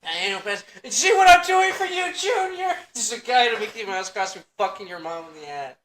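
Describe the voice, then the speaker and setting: Crude young man, bright voice, echoey room. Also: sits high, animated, a little fast. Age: 20s. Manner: crude joking, swears a lot, laughs often. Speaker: podcast host. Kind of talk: casual chat. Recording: roomy echo.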